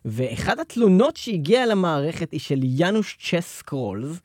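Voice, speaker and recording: A man's voice: on the high side, very animated, darkish tone, no echo, clean studio sound. A man hosting a radio request show, bantering playfully and teasing with repeated words.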